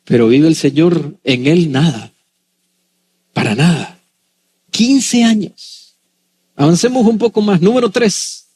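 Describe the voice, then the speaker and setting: A man, a pastor, preaching a sermon with dramatic pauses and acted-out quotes. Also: a little high, a little mellow, breathy edge.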